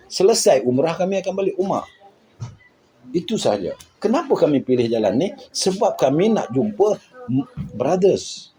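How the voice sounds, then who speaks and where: A man from Malaysia with a Malaysian accent, casually recounting his journey in an animated way, repeating words and acting out the people he quotes. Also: fairly high pitch, husky, poor audio. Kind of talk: casual storytelling.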